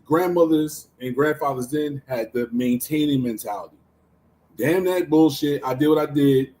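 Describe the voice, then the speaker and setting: A man's voice: fairly high pitch, normal speed, mellow, poor audio. A man in his forties in a casual podcast debate, insisting on finishing his point with many restarts. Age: 40s. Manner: holds the floor, stammers restarts, hold up. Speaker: podcast co-host.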